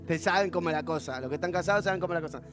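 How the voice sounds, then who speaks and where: A man's voice: fairly high pitch, rapid-fire, faint music behind. A man with a Rioplatense accent preaching a sermon as pastor, telling stories with humor and acting out the voices of others. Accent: Rioplatense Spanish. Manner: animated storytelling with humor, acting out quoted voices.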